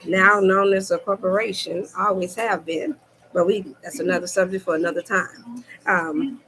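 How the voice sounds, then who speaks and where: A woman hosting her wellness channel live, chatting excitedly with viewers, repeating herself and getting tongue-tied, greeting people by name. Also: medium pitch, normal speed, low-quality recording. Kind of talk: casual live stream chat.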